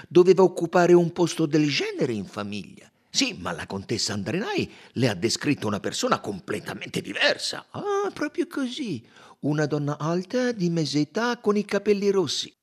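A sly, fussy older detective, as a male reader puts him on, coaxing and persuasive. The voice sits high and bounces lively through its phrases, with a husky grain. An audiobook reading. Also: exaggerated voice. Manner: soft, persuasive, sly and amused.

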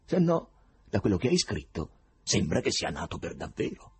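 A man's voice: low-pitched, sing-song, normal speed, breathy edge, heavily acted. A man voicing a self-assured editor who lectures a younger poet, in a radio reading of a novel. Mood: lecturing. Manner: didactic, explaining.

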